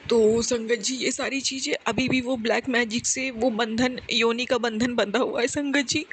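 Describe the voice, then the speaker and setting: A young woman tells a personal testimony to a congregation from home, speaking softly and pleading, with frequent direct address to her listeners. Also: a little high, fairly even intonation, moderate pace, a little hiss or hum. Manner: speaks softly and hushed on purpose. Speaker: devotee sharing testimony.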